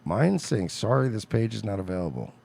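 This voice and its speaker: A man with a lowish voice co-hosts a comedy podcast, tossing out sardonic, profane wisecracks. His delivery swings up and down expressively. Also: very animated, a little fast, gravelly, darkish tone, slightly rough. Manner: sardonic, swearing. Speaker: podcast co-host. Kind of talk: crude comedic reaction chat.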